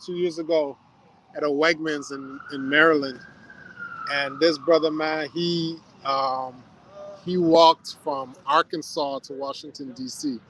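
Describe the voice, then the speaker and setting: A man's voice: on the high side, steady tone, unhurried, a bit bright, poor audio. A man chatting casually on a livestream, telling a story in a reflective way with lots of "you know" and "um".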